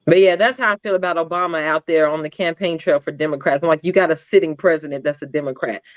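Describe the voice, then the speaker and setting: A woman's voice: sits low, no room sound. Opinionated woman co-host, dry dull audio. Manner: deliberate, opinionated, builds arguments. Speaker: podcast co-host. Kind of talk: casual political discussion.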